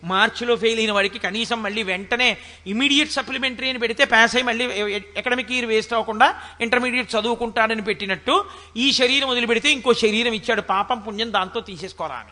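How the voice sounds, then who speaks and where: A man giving a spiritual discourse, chanting scripture verses slowly and then explaining them in lively, conversational asides. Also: very high-pitched. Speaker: spiritual speaker. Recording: echoey hall with long reverb.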